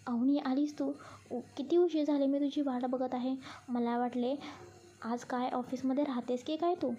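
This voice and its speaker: A woman's voice: high-pitched, fairly even intonation, mellow, muffled recording, a little hiss or hum, close to an everyday voice. A woman voicing a bubbly, bashful girlfriend. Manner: pleading, hurried. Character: young woman, bubbly friend, shy about romance.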